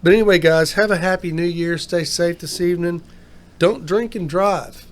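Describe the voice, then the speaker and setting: A man's voice: high voice, normal speed. A man hosting a casual podcast, talking in a folksy, upbeat way. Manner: folksy, upbeat sign-off talk. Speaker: podcast host.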